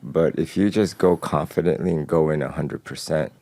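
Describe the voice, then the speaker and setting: A man's voice: very deep voice, normal speed, dark tone, no echo. A man from New York City, a guest talking casually with easygoing, emphatic advice. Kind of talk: casual chat.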